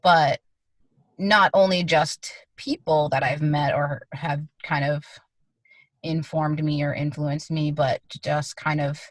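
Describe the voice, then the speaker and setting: A woman's voice: low-pitched, steady tone, takes it slowly, no echo, low-quality recording. A woman artist answering interview questions over a video call from her car, hesitant and full of likes and kind-ofs. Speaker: guest artist.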